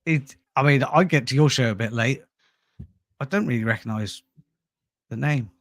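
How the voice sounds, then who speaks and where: A man's voice: mid-range voice, moderate pace, a bit bright, dry recording. A man hosting a comedy stream, bantering playfully with stammering restarts and silly wordplay. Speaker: comedy show host. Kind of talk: casual banter.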